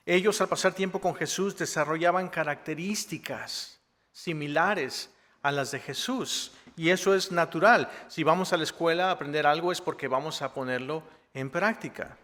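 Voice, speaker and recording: A man preaching a Spanish sermon in a friendly, joking way, with a slightly high voice and a long church-hall echo. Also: fairly bright tone. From Mexico. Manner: conversational, joking asides with rhetorical "¿verdad?". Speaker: assistant pastor. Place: church sanctuary.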